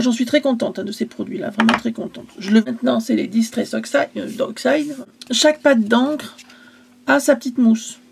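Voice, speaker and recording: A woman's voice: fairly high pitch, vocal fry, darkish tone, slight background noise. A woman casually selling her craft supplies in a vlog, chatty and hesitant, stumbling over English product names.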